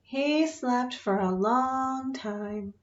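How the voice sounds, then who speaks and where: A woman teacher reads a storybook to children in a high, slow, expressive voice and pauses to ask them questions. The sound is dull and lo-fi. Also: echoey room. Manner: expressive, asks listeners questions. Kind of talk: reading a picture book aloud to children.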